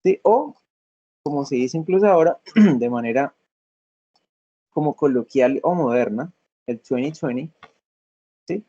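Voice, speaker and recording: Husky, mellow-voiced male teacher. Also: mid-range voice, expressive, measured pace, pauses often, lo-fi sound. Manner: patient step-by-step explaining, frequent check-ins. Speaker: English teacher. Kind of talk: classroom lesson.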